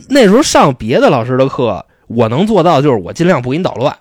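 Guy rattling off slangy stories on a podcast, lively pitch, dry mic. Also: fairly quick, no echo. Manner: chatty, slangy storytelling, often asks "you know?". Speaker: podcast host. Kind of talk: casual storytelling chat.

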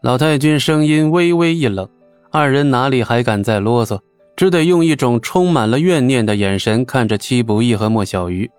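Male audiobook narrator, mid pitch, steady and even, dry close recording. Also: normal speed, clean tone, dry recording, soft background music.

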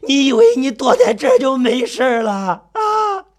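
A man voicing a frenzied, grieving mother who screams curses through wailing sobs, her voice shrill and piercing. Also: big pitch swings, moderate pace, exaggerated voice. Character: grieving mother, frenzied, shrieking, sobbing woman.

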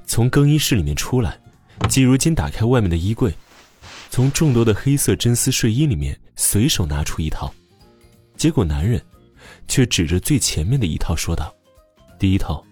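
A man narrating an audiobook drama with expressive storytelling. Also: on the low side, normal speed, soft background music.

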